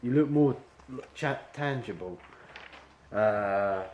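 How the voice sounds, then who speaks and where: A man's voice: fairly low pitch, expressive, slow, darkish tone, lo-fi sound, a little hiss or hum. A man directing an actor at an audition, rambling and full of fillers as he explains the scene. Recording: echoey room with faint ambience.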